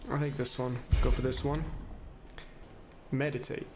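A young adult man hosts a gaming video from a small indoor room at home, and background noise can be heard. His mid-range voice is flat and unhurried as he gives casual, slangy gameplay commentary, muttering reactions and exclaiming now and then.

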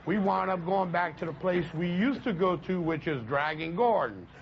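High-voiced Louisiana man telling a story. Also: expressive, normal speed. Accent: Southern US, Louisiana. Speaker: interviewee. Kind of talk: storytelling in an interview. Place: outdoors by a roadside. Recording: dull lo-fi sound with faint traffic.

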